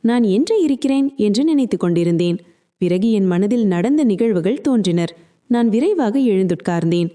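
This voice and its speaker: A woman narrating a scripted first-person story with a dark, mellow tone. She keeps a steady, even storytelling pace. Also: medium pitch, normal speed.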